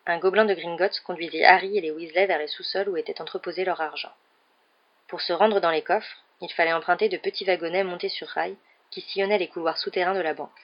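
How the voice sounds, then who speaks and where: A woman narrating an audiobook in a steady, measured storytelling voice. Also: on the low side, highs cut off.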